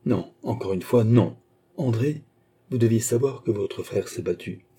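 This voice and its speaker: A man's voice: on the low side, a little slow, mellow, slightly rough. A man reading an audiobook, voicing a haughty, angry young queen with an indignant, commanding manner.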